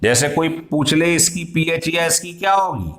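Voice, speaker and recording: A man's voice: a little high, animated, normal speed, a bit bright. Man teaching in an echoey room. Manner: explains step by step and quizzes students. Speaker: chemistry teacher. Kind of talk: classroom lecture.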